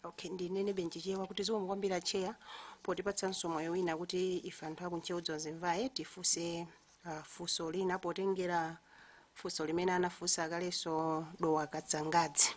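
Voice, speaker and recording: A woman's voice: lowish voice, little pitch movement, a little fast. A Malawian woman speaking as a committee member, asking formal questions at a hearing in a courteous, deferential way.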